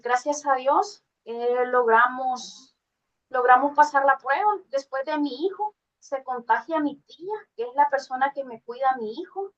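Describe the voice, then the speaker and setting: A woman from Guatemala giving a halting, emotional personal testimony on a phone video call, her voice dropping low when she is moved. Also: lo-fi sound. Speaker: class participant sharing a testimony.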